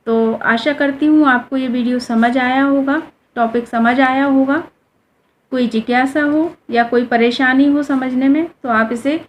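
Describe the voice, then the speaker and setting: A woman's voice: sits high, slight background noise. A woman teaching a class, patiently asking questions and answering them herself, drawing out vowels to show how they sound. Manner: draws out vowels to demonstrate them. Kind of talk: explaining a lesson to students.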